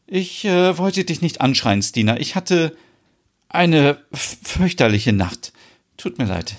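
Reading a story aloud at a slow pace, a man voices a fussy, excitable woman who owns the kitchen and is the boss. He plays her shrill, flustered and dramatic.

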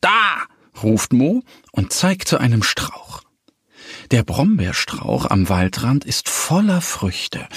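A man narrating a children's story in a lively, unhurried storytelling manner. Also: mid-range voice, breathy edge, no echo, clean studio sound.

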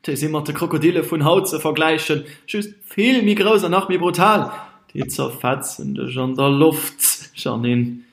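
A man voicing a chubby, blustering know-it-all companion who blurts things out excitably in a story. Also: mid-range voice, fairly quick, natural voice. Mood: alarmed.

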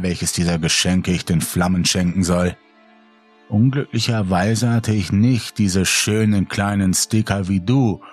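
A man doing a sneering, husky home intruder. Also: sits low. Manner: taunting, slow and sneering. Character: sinister male intruder, mocking and cruel.

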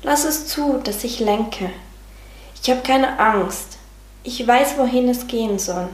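A woman voicing the loving, reassuring inner voice of a soul, speaking in a gentle, patient, guiding manner. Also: fairly high pitch, slow. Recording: roomy sound with faint music.

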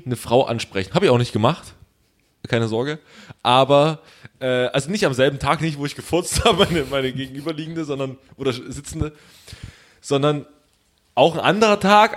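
A man's voice: on the high side, moderate pace. Man rambling through an embarrassing story. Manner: rambling, self-mocking storyteller, laughs often. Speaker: podcast co-host telling a story. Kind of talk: casual chat.

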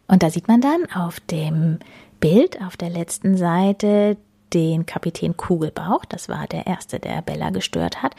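Brief: gentle storyteller, woman, slow and soft, half-whispered read-aloud with lively pitch. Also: vocal fry, breathy edge. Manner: soft, often whispered narration.

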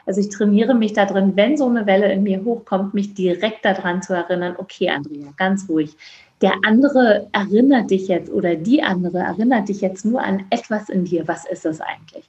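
A woman's voice: mid-range voice, brisk, a little mellow, echoey room, dull audio. A woman in her fifties, raised in Georgia, speaking earnestly and thoughtfully as an interview guest. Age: 50s. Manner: earnest, thoughtful, with many restarts. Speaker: midwife. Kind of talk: reflective conversation.

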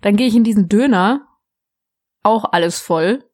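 A young woman co-hosting a casual podcast, rambling through anecdotes. She giggles often and restarts her sentences. Her voice sits at an ordinary pitch for a woman. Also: normal speed. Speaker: podcast co-host. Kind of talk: casual chat.

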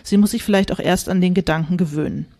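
A woman's voice: fairly low pitch, fast, vocal fry, warm tone. A woman reading from her novel, voicing a self-important man who leads a discussion group in a patronizing tone. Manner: patronizing, soothing.

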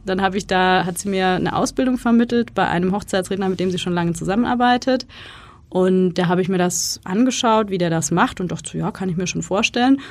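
Speaking a little fast in a mid-range voice, this woman is a guest in a relaxed interview. A freelance consultant and wedding speaker, she tells her stories chattily and performs the quoted lines herself.

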